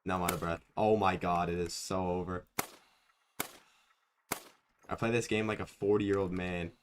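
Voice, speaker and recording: Against a noisy background, a young man with a low voice and fairly even intonation chats at normal speed with viewers while live-streaming a hunting game. He rambles loosely, mocks himself, and keeps saying "like" and "dude."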